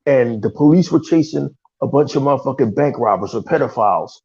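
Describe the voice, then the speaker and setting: A man with a gravelly, fry-heavy voice, talking about games on a casual podcast. His pitch swings widely as he rants, heated and profane, slipping into mocking voices. The sound is dull and lo-fi. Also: animated, brisk, a little mellow. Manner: heated, ranting, mocking impressions. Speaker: podcast co-host. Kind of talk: casual profane gaming talk.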